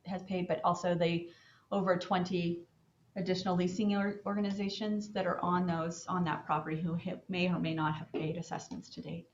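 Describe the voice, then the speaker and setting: Brief: woman city manager, low-ish voice, measured and formal, echoey council room, dull audio. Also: level tone. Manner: measured, formal, occasional fillers. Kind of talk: formal public meeting remarks.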